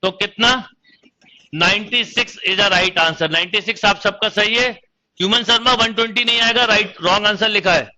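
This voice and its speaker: A man's voice: sits high, moderate pace, sharp tone, muffled recording. A young man with a Hindi accent teaching math in an online coaching lecture, calling students "beta" and counting through each step aloud. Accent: Indian Hindi.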